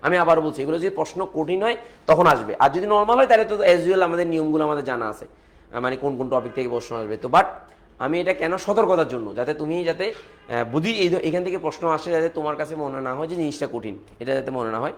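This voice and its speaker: Leading a live exam-prep class online, this fast-talking chemistry teacher has a Bangladeshi Bengali accent and an animated, slightly high male voice. He goes over calculations one step at a time, restates his points, and replies to viewer comments.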